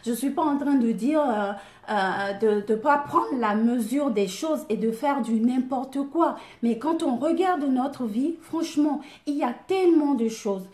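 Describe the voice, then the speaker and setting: A woman's voice: sits high, expressive, measured pace, a little mellow, roomy sound. A woman with an African French accent hosts a casual live video as a coach, chatting to viewers by name, laughing and poking fun at herself. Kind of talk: casual live stream chat.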